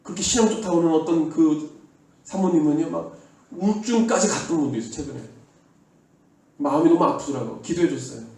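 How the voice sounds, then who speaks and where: A man's voice: fairly high pitch, a little fast, darkish tone. A male pastor preaching a sermon, earnestly urging his congregation and leading them in call-and-response. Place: church sanctuary. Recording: echoey hall from far off.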